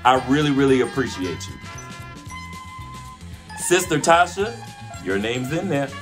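A man's voice: mid-range voice, very animated, unhurried. A man hosting a cooking channel, casually calling out names in a playful, chatty vlog giveaway. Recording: music playing behind the voice.

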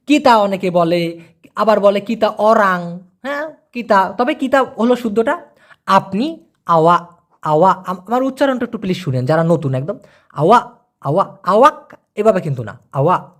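A language teacher, giving a beginner lesson and repeating words slowly so learners can follow. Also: medium pitch, animated.

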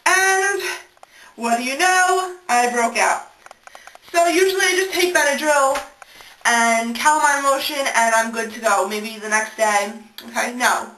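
A woman's voice: on the high side, a little slow, sharp tone. A young adult woman venting casually and dramatically to her phone in a bathroom, exasperated and sweary. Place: small indoor bathroom. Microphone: phone at arm's length. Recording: echoey, distant, noisy bathroom phone recording.

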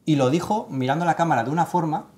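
A man's voice: on the high side, quick pace, a little mellow. A man in his thirties in a casual studio panel chat, talking emphatically with many fillers and restarts. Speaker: tech site writer leading the segment. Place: studio set with sofa.

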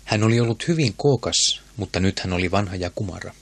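A man narrating an audiobook in a steady, measured manner. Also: deep voice, creaky. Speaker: audiobook reader. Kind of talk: scripted narration.

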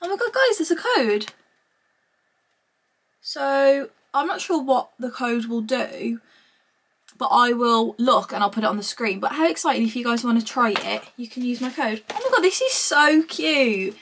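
Gushing and informal, this vlogger in her twenties chats to camera with a British accent from a small room at home. Her expressive voice is a little high at normal speed, with a fairly bright tone.

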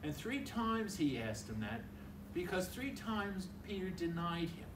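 A high-pitched, very animated older man speaks a little slowly over background noise. He's a priest giving a conversational sermon at a lectern in a large church hall, acting out little dialogues, with a stand mic and filmed from far.

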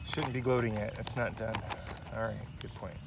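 A man in his forties, an outdoor vlogger, cooks in the autumn woods while chatting casually and thinking aloud with fillers and self-deprecating asides. His voice is on the low side and flat, at a moderate pace. The outdoor recording has clear background noise.

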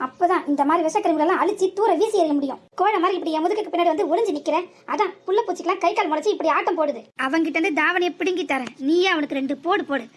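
A woman's voice: extremely high pitch, racing, hardly any pauses. A woman voicing a brave young male hero in a cartoon who lectures firmly and defiantly. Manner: firm, preachy and defiant.

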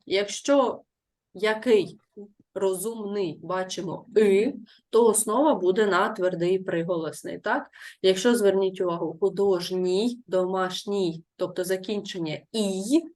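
A woman teaching a grammar lesson in a classroom full of pupils. She talks at an ordinary middle pitch, patiently echoing each answer back and nudging the class along with short questions. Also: darkish tone. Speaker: primary school teacher.

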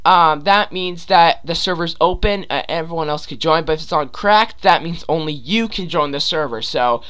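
Stuffed up and sore-throated, a young YouTuber who covers games talks over a screen-recorded tutorial at a normal speed. His fairly high voice is clean and a bit bright, and he rambles, often restarting and filling gaps with filler words.

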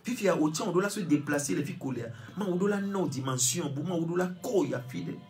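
A man with a Togolese accent and a high voice leads prayer like a fervent evangelist. He chants repeated lines and urges his listeners to keep praying. Faint music plays behind him. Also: animated, fast, darkish tone. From Togo. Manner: chanting repeated phrases, urging listeners to pray.

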